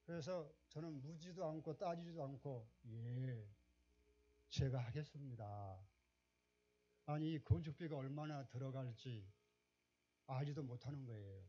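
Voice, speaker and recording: Pastor preaching with emphatic swells. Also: male voice, a little high, normal speed, husky. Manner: storytelling, rising to loud emphatic exclamations. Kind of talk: sermon. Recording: dull, muffled recording.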